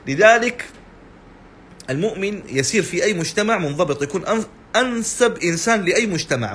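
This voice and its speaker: Fast-talking, heated preacher. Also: male voice, on the high side, fairly bright tone, a little hiss or hum. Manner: earnest, exasperated, talks straight to viewers' comments. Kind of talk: informal religious talk on a live stream.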